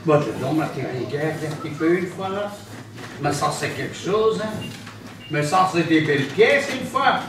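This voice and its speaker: A slow, wondering man with a caricature Belgian accent, as a man puts him on, drawling lower than the teller's own voice. He sounds far from the microphone in a very echoey hall. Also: expressive, background noise, lightly acted. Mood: amazed. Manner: slow and wondering, tacks on "une fois". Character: naive Belgian man leafing through a catalogue, caricature accent.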